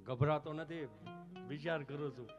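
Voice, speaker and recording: A man voicing a timid, slow-witted male friend who gives hesitant answers. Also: on the high side, lo-fi sound, music in the background, pitched below the performer's own voice, natural voice.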